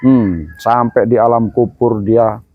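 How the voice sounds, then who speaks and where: A man's voice: mid-range voice, steady tone, slow, dry recording, phone-quality sound. A man giving a religious sermon as a teacher, telling his story vividly and dramatically with many hums.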